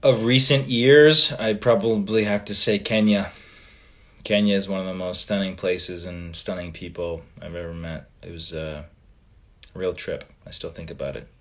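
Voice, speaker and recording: A deep-voiced Canadian man, Italian being his first language, hosts a casual livestream. He reads fan comments aloud in a relaxed manner, full of ums and trailing pauses.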